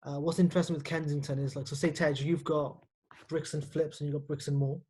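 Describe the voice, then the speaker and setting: Husky, somewhat high-voiced broker guy, explains lending matter-of-factly in a live Q&A. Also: level tone, a little mellow. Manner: explanatory, matter-of-fact, quick. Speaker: mortgage broker guest. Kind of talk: casual live Q&A chat.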